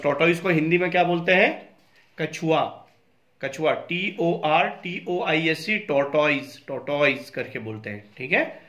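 A man's voice: fairly high pitch, a bit bright. A male school teacher giving a recorded lesson, mixing Hindi and English and spelling words out letter by letter. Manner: reads book lines slowly and clearly. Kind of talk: recorded online class lesson.

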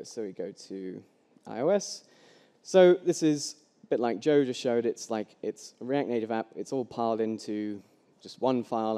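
A young man, a conference speaker, gives a casual live coding talk at a meetup on a headset mic, with plenty of ums and restarts. His voice is medium-pitched with a dark tone. The large hall has long reverb, making the recording echoey.

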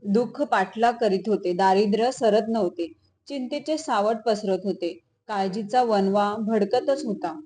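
A woman's voice: medium pitch, unhurried, a little mellow. A woman reading a devotional folk tale aloud as storyteller, often restarting and correcting herself. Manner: reads with frequent small restarts and self-corrections.

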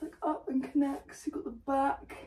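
A woman's voice: high-pitched, level tone, moderate pace, mellow. A young woman in her twenties with a British accent, chatting casually through her day as a vlogger and personal trainer, rambling and self-deprecating, recorded on a phone propped up at home and at the gym. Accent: British English. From United Kingdom. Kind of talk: casual day-in-the-life vlog. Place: home rooms, then a gym. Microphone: phone camera propped nearby.

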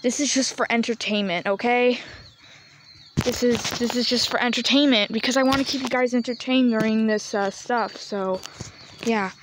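A young woman vlogs casually while walking around a farm yard, chatty and often dropping to a whisper. Her voice is on the high side, steady in tone and at normal speed. It's captured on a handheld phone camera with noisy outdoor audio.

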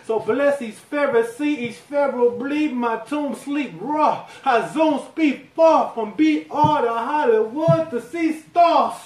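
A man raps a one-take freestyle in a high, ringing voice, sometimes breaking into shouted lines. He is recorded from across a small room at home, so the voice sounds distant and echoey. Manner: rhythmic rapping with sudden shouted lines. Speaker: rapper. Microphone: far 360 camera. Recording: echoey room, voice far from the mic.

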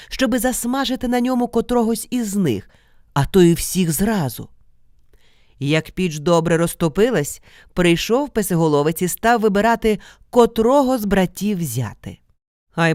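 An actress reading a folk fairy tale aloud with expressive, dramatic storytelling. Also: female voice, fairly low pitch, no room sound, studio quality. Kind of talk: storytelling narration.

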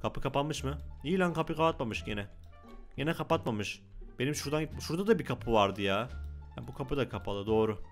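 A young man giving excited Let's Play commentary as a gaming YouTuber, exclaiming and talking to the game characters. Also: medium pitch, brisk, faint music behind.

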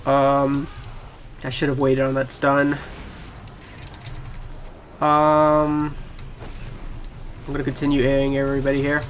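A young man giving rambling, excitable live commentary on his own gameplay and talking to his viewers. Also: mid-range voice, slow, pauses often, a little hiss or hum. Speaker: gaming channel host. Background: keyboard typing.

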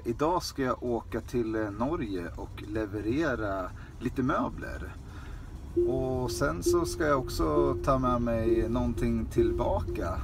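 A man in his thirties from Sweden talking casually to the camera while driving, with many hesitant pauses. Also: mid-range voice. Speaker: vlogger. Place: inside a moving car. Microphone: camera on the dashboard. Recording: loud road noise in a car. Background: loud car and road noise.

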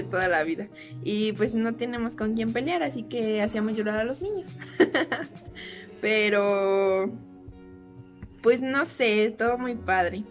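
A young woman vlogger with a Mexican Spanish accent and a medium-pitched voice tells a storytime vlog. She's animated, laughs often, and acts out the quotes.

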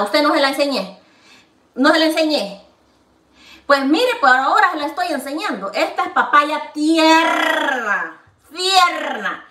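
A bright, high-voiced woman with a Salvadoran Spanish accent, chatting playfully to her viewers while she cooks. She sits back from the mic in an echoey home kitchen. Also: distant mic. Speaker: vlogger. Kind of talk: casual cooking vlog chat.

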